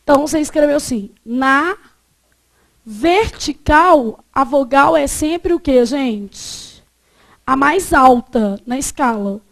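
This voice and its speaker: Brazilian woman, teacher, high voice, classroom lesson that quizzes the students as it goes. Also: measured pace. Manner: quizzing students with repeated check questions. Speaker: Portuguese teacher.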